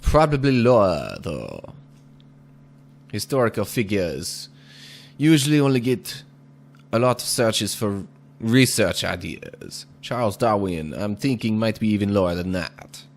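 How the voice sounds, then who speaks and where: In a lowish, creaky voice, a very animated gaming video host talks casually over his gameplay. He hams up a put-on foreign accent, keeps a measured, deliberate delivery, and chuckles at times.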